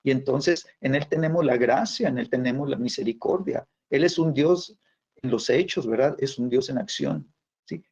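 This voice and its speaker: A man preaching a sermon in a halting way, full of fillers and tag questions. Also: medium pitch, gravelly, darkish tone, husky. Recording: dull lo-fi sound.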